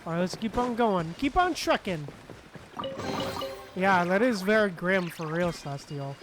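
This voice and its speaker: A game streamer gives casual live commentary in an animated, mid-range voice at a measured pace. He repeats phrases, mutters, and swears offhandedly while game music plays behind him.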